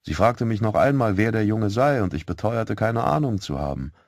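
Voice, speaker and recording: A man narrating a first-person audiobook in a calm, measured storytelling manner. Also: on the low side, no echo, clean studio sound.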